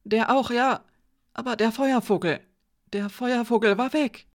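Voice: medium pitch, measured pace, voice pushed up, natural voice. An audiobook reader voicing a nervous male servant who stammers and rambles as he pleads. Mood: rambling. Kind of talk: audiobook character voice.

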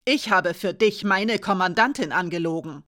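A woman voicing a young female soldier held captive, speaking in a sharp, accusing, bitter way. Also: lowish voice, normal speed, lightly acted. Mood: angry.

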